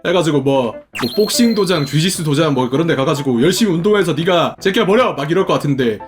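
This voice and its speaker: A man's voice: fairly high pitch, expressive, quick pace, faint music behind. A young man streaming from his room at home, chatting casually and playfully with his viewers and musing aloud.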